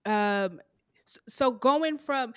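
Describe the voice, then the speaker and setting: A woman co-host asks curious, winding questions in a smooth, resonant voice. The sound is dry and close, over a video call. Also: on the high side, drawn-out words, a bit bright, dry recording. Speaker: podcast co-host. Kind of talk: casual interview.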